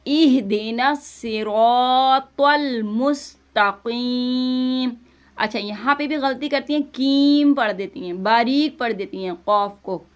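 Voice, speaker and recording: A woman teaching Quran recitation online, patiently correcting pronunciation, repeating syllables and drawing out recited words slowly. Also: on the high side. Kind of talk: online tajweed lesson.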